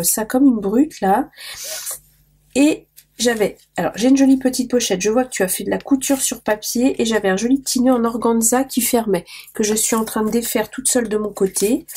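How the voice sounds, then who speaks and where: On the high side, warm and husky, a woman's voice carries this casual show-and-tell. She's a craft vlogger losing her voice, opening mail and gushing to viewers over the small details.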